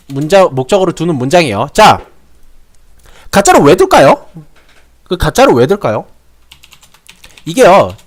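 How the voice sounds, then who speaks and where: A young man explains English grammar in a casual lesson. His voice sits high and swings widely in pitch. He repeats himself and tosses rhetorical questions at his students. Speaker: English teacher.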